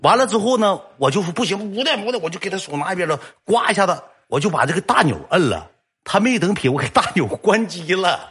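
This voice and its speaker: A young man tells a comic story at a rapid clip. His husky voice swings widely up and down as he acts out every quoted line. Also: high-pitched, soft background music. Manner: lively, animated, acts out quoted lines.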